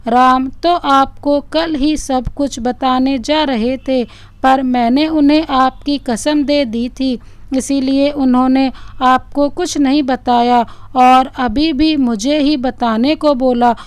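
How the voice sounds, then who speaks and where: A woman voicing a young sister-in-law who pleads and confesses in a smooth, high voice. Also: fairly even intonation, slow pace, dry recording. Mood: pleading.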